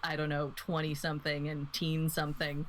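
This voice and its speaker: A woman in her thirties speaks in a notably low, deep voice. She talks as a guest in a relaxed podcast discussion, rambling and laughing often as she wanders off on tangents. A faint noise sits behind her voice. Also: moderate pace. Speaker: guest reviewer. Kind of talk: casual podcast chat.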